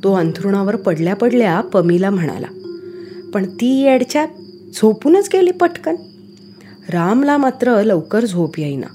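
A woman telling a storybook tale in a calm, expressive reading voice. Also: mid-range voice, unhurried, faint music behind. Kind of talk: storybook narration.

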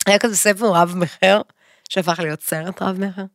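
A woman's voice: fairly low pitch, steady tone, dry recording. Woman co-host, 30s, theatrical self-mocking chat, dry close sound. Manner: bursts into loud sung snippets; dramatic, self-mocking complaints. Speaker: podcast co-host. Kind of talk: casual chat.

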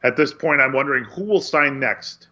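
A man's voice: mid-range voice, normal speed, bright, forceful tone. A man co-hosting a sports podcast, reading news and chatting casually with a dry, wry delivery. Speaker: podcast co-host. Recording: dull lo-fi sound.

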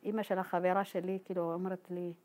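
A woman from Ethiopia telling her own life story to a group in a halting, informal way, full of fillers and re-enacted dialogue. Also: on the low side, little pitch movement, a little mellow. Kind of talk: personal testimony told to a group.

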